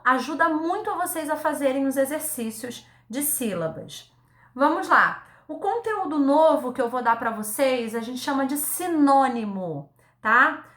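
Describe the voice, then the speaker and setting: A woman teacher giving a recorded lesson to young children, speaking slowly and patiently, sounding words out syllable by syllable and checking in with a frequent "tá?". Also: high-pitched, pushed and bright, reverberant. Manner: ends phrases with a checking "tá?". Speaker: primary school teacher.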